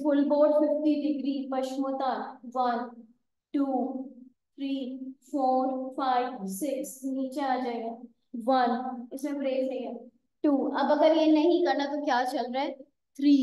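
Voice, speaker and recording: Woman fitness instructor, high voice, unhurried counting, echoey room. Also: dark tone, slight background noise. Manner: counting reps, calling exercises, correcting participants by name. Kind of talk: live workout class instruction.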